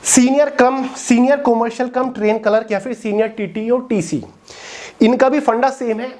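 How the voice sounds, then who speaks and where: A woman's voice: a little high, normal speed, darkish tone. A woman explaining exam updates to students in a direct way, often checking in with her listeners. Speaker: exam coaching educator. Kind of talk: explanatory talk to exam aspirants.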